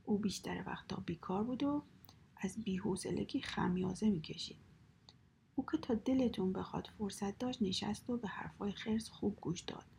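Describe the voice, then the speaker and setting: A woman's voice: medium pitch, creaky, slight background noise. Whispering woman reading a children's story. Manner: soft, hushed whispering.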